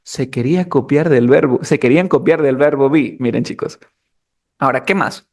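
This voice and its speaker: A man explaining English grammar as a teacher, animated and talking straight to his students. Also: medium pitch, moderate pace. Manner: animated, addresses students as "chicos". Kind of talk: lesson explanation.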